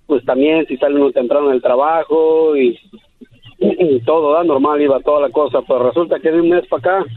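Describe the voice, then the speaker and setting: A man's voice: a little high, fairly even intonation, fairly quick. A man in his thirties calling into a radio show, nervous and hesitant, tagging sentences with "¿verdad?". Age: 30s. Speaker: caller. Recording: tinny phone line.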